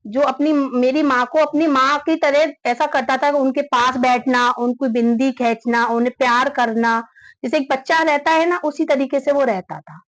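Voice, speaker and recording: A woman's voice: high voice, fairly even intonation, moderate pace, no echo. A woman being interviewed about her family, speaking earnestly and often repeating or restarting her phrases. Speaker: interviewee, daughter of the victim.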